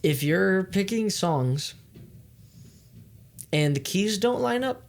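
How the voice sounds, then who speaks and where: This worship leader and podcast co-host has a high, animated, creaky voice and speaks slowly. He chats casually, rambling, restarting mid-thought, and explaining things loosely.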